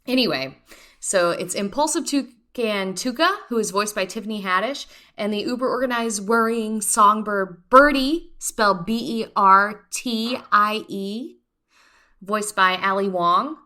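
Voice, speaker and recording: A podcast co-host in her mid twenties chats casually, enthusiastic and rambling. Her mid-range voice sounds pushed and bright, and she keeps a measured pace.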